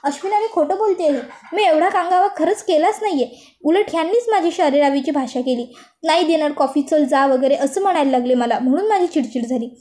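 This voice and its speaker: A woman voicing a brash young wife who picks quarrels, scornful and shrill, in a spoken serial recap. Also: brisk, darkish tone, natural voice. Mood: defensive.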